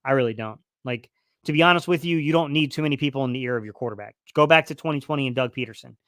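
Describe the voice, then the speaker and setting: Hosting a laid-back football livestream, a man reads out the chat and rambles, full of fillers and restarts, as his voice starts wearing thin. He speaks rapid-fire in a mid-range, fairly bright voice, with studio-quality audio and no room sound.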